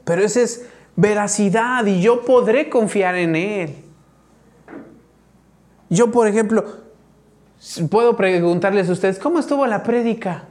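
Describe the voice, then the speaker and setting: Mexican pastor guy giving a relaxed chatty sermon, keeps asking the crowd "right?". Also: high voice, unhurried, pauses often. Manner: chatty, keeps checking in with the congregation. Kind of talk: conversational sermon.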